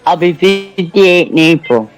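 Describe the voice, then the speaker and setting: A man's voice: high voice, expressive, a little slow. A man in his fifties chatting casually in an easygoing, chuckling way. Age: 50s. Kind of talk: casual live-stream chat.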